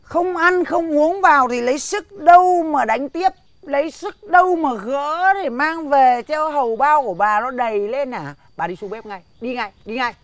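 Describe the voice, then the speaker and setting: An actor playing a grumpy, stingy old village chief who scolds and grunts, speaking. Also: male voice, very high-pitched, normal speed, no echo. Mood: scolding. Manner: bossy, scolding, full of grunts. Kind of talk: slapstick comedy film acting.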